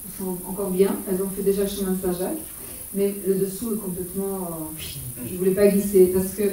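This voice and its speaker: A woman's voice: medium pitch, dark tone. A middle-aged woman giving an informal, hesitant slideshow talk, with many fillers and restarts. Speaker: speaker giving a travel talk. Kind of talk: informal slideshow talk about a solo walking pilgrimage. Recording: very echoey room, voice far from mic.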